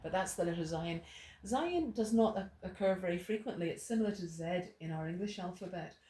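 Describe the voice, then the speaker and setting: Lively in intonation and fairly quick, a middle-aged Irish woman with a low, mellow voice teaches a small group in an indoor room. She tells stories, digresses and restarts frequently, and there's a roomy echo with faint noise on the recording.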